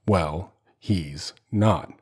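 A man's voice: deep voice, extremely slow, breathy edge, pitched below the performer's own voice, full character voice. A man voicing a weary, defiant mother in a tense dinner scene, with dry, clipped delivery. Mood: tense, sharp.

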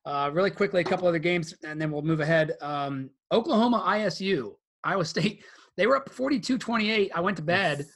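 A man's voice: high-pitched, brisk, fairly bright tone. A man hosting a casual sports podcast, rambling through game recaps with lots of fillers and restarts. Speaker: podcast host.

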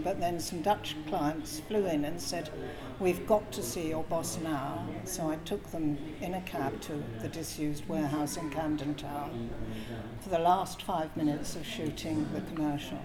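An older southern English woman tells stories from her life in a conversational way. Her voice sits low, and loud crowd chatter surrounds her throughout. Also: steady tone, moderate pace. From Essex, England. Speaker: podcast guest, former film production worker. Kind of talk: conversational life-story telling. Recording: busy crowd chatter behind. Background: crowd noise.

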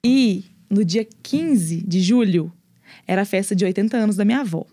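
A young adult woman, a guest on a podcast, telling her own story casually and in an animated way, acting out what people said. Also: medium pitch, moderate pace. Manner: animated, storytelling with lots of quoted dialogue.

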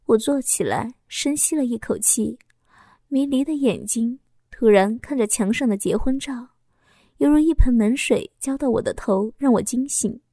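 A woman narrating a first-person audio story in a soft, intimate voice that at times drops to a whisper. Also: fairly high pitch, moderate pace, no room sound, studio quality.

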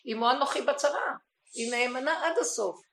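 Impassioned woman teacher with a gravelly voice. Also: high-pitched. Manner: impassioned, swings from hushed to crying out. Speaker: spiritual teacher. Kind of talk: religious teaching. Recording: echoey room recording.

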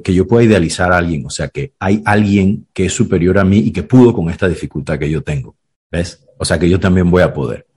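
This low, mellow male voice carries a breathy edge. A clinical psychologist, he walks through ideas on a reflective podcast using examples and acted quotes, regularly asking "you know?" and dropping "¿sabes?" and "¿ves?" tags.

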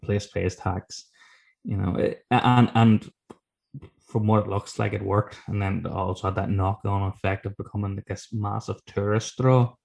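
A man's voice: fairly low pitch, steady tone, moderate pace, creaky, darkish tone. A man, chatting casually as a guest author, telling rambling, self-deprecating, sweary anecdotes. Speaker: guest author telling stories from his book.

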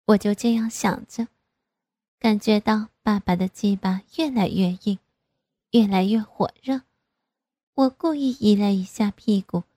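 A woman reading a first-person story aloud in a slow, even way. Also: medium pitch, no room sound. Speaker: narrator.

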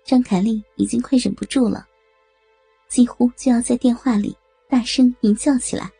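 A woman reads an explicit adult audio story in a steady, matter-of-fact way. Her voice sits a little high yet mellow and husky. The recording is dry and close, with faint music underneath. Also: normal speed, no room sound. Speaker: narrator.

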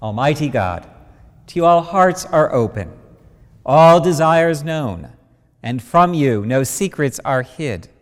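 Slow-chanting priest with cathedral echo. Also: male voice, on the high side, expressive. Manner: slow, measured intoning with rising and falling phrases. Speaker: priest leading worship. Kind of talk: intoned liturgical prayer. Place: large church. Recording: long cathedral reverb.

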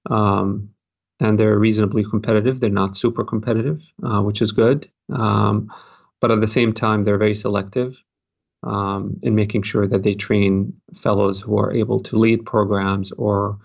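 A man from Jordan, a cardiologist, giving measured advice in an interview with many fillers and restarts. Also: fairly low pitch, creaky, darkish tone, slightly rough, dull audio. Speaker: cardiologist, fellowship program director.

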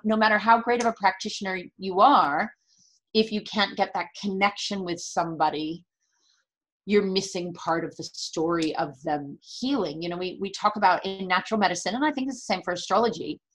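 A woman's voice: lowish voice, fairly bright tone, low-quality recording. A woman explaining her practice in a conversational interview, earnest and fond of repeating words for emphasis. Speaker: interview guest, natural medicine practitioner and medical astrologer.

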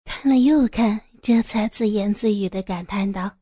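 A woman narrating a serialized audio story with a calm, steady, descriptive reading. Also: medium pitch, moderate pace, dry recording, clean studio sound.

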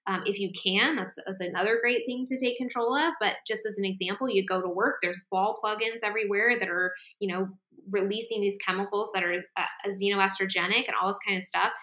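A woman's voice: mid-range voice, fairly quick, few pauses. Chatty woman in a roomy echo. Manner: frequent "like" and "um" fillers, animated. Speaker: podcast co-host. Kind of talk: casual podcast chat.

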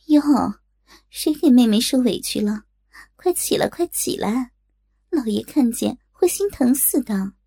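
A sly, scheming concubine in her thirties, voiced by a woman reader, her honeyed tone laced with mockery. The voice is gravelly and husky, close and dry. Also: a little high, lively intonation, a little slow, mellow, no echo, heavily acted. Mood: falsely sweet. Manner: mocking, honeyed, taunting.

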